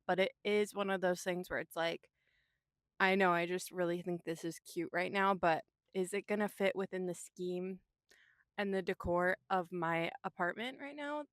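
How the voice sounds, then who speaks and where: A woman's voice: lowish voice, fairly bright tone, dry recording. A young woman vlogging from her car, talking in a rambling, candid way and swearing casually. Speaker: vlogger and artist. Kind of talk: casual chatty vlog. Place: inside a parked car.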